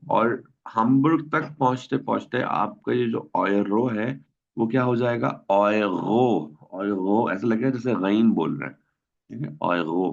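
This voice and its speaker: A male German teacher patiently quizzes students and repeats words in an online language class. His mid-range voice carries vocal fry and lively intonation at a moderate pace, heard through a video call with dull, lo-fi sound.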